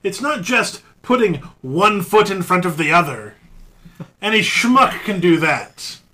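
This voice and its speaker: A man's voice: high-pitched, lively intonation, a little slow, sharp tone, slight background noise, full character voice. A man playing a pompous middle-aged theater veteran who lectures grandly in an improvised comedy scene. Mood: lecturing.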